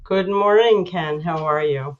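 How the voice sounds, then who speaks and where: A woman giving measured, informative, slightly halting explanations as an expert guest in a broadcast interview. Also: lowish voice, dull audio.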